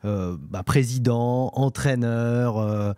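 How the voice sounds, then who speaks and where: A man's voice: medium pitch, takes it slowly, a little mellow, clean tone, no echo. A man speaking on a studio panel in a mid-range voice. He hesitates often, piling up fillers, then states his views firmly. The sound is close and dry. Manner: hesitant storyteller, many fillers, firm in opinion. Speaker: football pundit. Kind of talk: studio debate with anecdote. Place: television studio.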